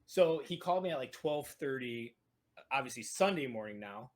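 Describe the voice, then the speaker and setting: A man co-hosting a racing podcast in relaxed, casual chat. His voice sits at an ordinary middle pitch. He jokes around, laughs easily and acts out what others said in lively quoted voices. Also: moderate pace. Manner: loose and jokey, laughs often, quotes others in animated voices. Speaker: podcast co-host.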